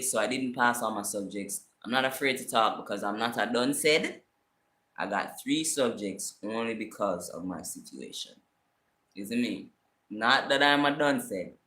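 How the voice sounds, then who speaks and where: A Jamaican-accented vlogger in his twenties tells a personal story on a casual livestream, animated and emphatic, often asking "you see me?". His pitch is medium, and the room is echoey.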